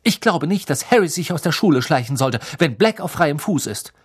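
A man doing a sharp, bossy schoolgirl. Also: a little high, moderate pace, slightly rough. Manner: sharp, cutting, raised and lively. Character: clever, bossy teenage schoolgirl.

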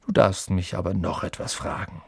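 A man voicing a kindly, wise old male wizard who speaks softly and unhurriedly, often close to a whisper, in a storybook reading. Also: low-pitched, level tone, moderate pace, vocal fry, breathy edge, no echo, full character voice. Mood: gentle.

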